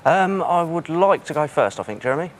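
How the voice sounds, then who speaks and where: A man in his thirties, a quiz contestant, thinking aloud hesitantly as he deliberates over an answer. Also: a little high, lively intonation, very noisy. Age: 30s. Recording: quiz show music playing underneath.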